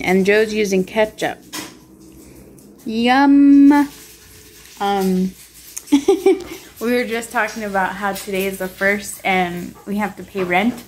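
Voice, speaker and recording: Young woman vlogging from her kitchen on a phone, slow and giggly, mid pitch voice. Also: slight background noise. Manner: giggly, laughs between phrases. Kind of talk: casual vlog chat. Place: home kitchen.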